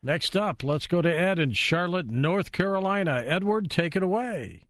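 A man's voice: sits high, lively intonation, normal speed, fairly bright tone. A man hosting a radio call-in show, putting questions and introducing callers.

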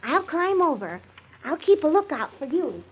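A nervous, prim wife in an old radio comedy. Her voice is high, earnest and fretful, stubbornly insistent. It comes through a dull, lo-fi vintage recording. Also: sing-song, normal speed.

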